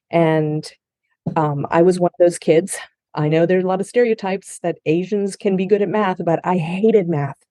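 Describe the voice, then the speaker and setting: A middle-aged woman who grew up in Japan, with English as her second language, shares her life story as a podcast interview guest. Her lowish, mellow voice is earnest and heartfelt, though she restarts often, and the recording is dry.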